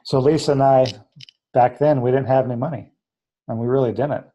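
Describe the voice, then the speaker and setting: A man speaks earnestly in a relaxed interview, telling a long personal story. His voice is dark and mellow. He slips into the voices of the people he quotes as he goes. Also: medium pitch, fairly quick, highs cut off. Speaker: interview guest, treatment center founder.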